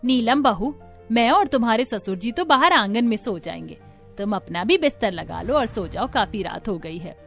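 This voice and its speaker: A woman with a fairly high voice acts out the figures of an animated family story. She switches between them in an expressive, dramatic manner, with light music running underneath. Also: moderate pace. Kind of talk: cartoon story voice acting.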